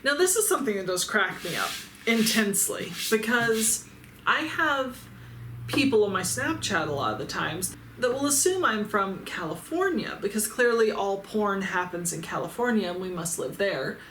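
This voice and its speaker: A Midwestern American woman, an adult toy reviewer and YouTuber, reads viewer comments aloud in a casual vlog, blunt, sarcastic and swearing freely. Her mid-range, fairly bright voice swings widely in pitch at normal speed, with roomy echo, faint ambience and slight background noise.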